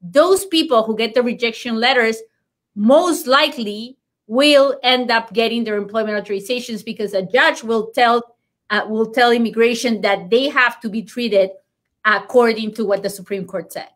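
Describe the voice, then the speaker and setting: A woman immigration lawyer, a native Spanish speaker with a Spanish accent, explains legal news in an interview, emphatic and reassuring and repeating key points. Her voice is on the high side and fairly bright, at a moderate pace.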